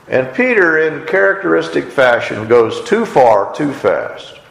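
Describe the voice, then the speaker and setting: A man's voice: mid-range voice, a little slow, gravelly. Guy preaching a sermon, voice swinging up and down a lot, roomy echo all around. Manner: expressive storytelling, acting out quoted lines. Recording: echoey hall.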